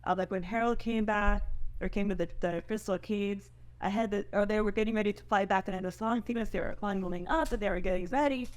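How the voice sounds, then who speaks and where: A woman answers questions as a screenwriter in a casual spoken Q&A, her mid-range voice moving fairly quickly. She's chatty and loose in her phrasing, often slipping in "you know" and "like."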